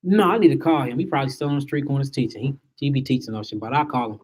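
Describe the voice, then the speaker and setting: A man's voice: medium pitch, expressive, very fast, a little mellow, husky. A man giving an emphatic spiritual lecture to a small group, asking his listeners rhetorical questions.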